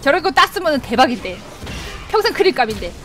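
Quick-paced and high-voiced, a woman gives animated commentary while streaming her gameplay, letting out yelps and laughs and addressing the screen. Soft music plays in the background.

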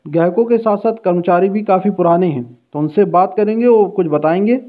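Guy vlogging food, fairly high voice, tinny phone-line sound. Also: fairly quick. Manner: chatty, guiding the viewer along. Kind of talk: casual walking food-vlog narration. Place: outdoor street and busy food shop. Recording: tinny phone-like street recording.

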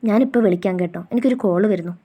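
A woman reading the lines of a caring young man who scolds his girlfriend gently and then reassures her. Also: medium pitch, racing, slightly rough, natural voice. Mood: reassuring.

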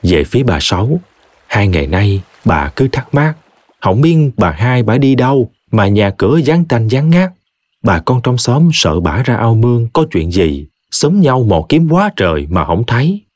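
A man's voice: medium pitch, unhurried, no echo, studio quality. A man, expressively narrating a scripted horror story. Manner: expressive, vivid.

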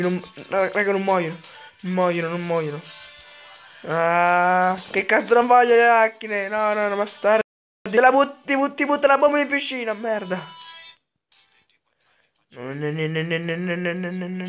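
A man giving excitable live gameplay commentary as a gaming channel host, swearing a lot and repeating words in rapid bursts. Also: high-pitched.

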